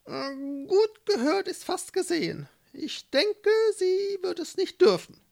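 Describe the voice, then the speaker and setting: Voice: very high voice, sing-song, slow pace, creaky, darkish tone, pitched above the performer's own voice, heavily acted. A storyteller voicing a blind mole who hesitates and repeats the same saying, in a read-aloud fairy tale. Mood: skeptical.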